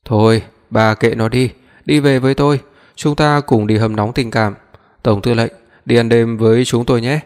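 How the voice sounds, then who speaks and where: A man reading the lines of a calm older father in an audiobook, in a soothing, placating way, with a long reverb behind his voice. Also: mid-range voice, normal speed, natural voice.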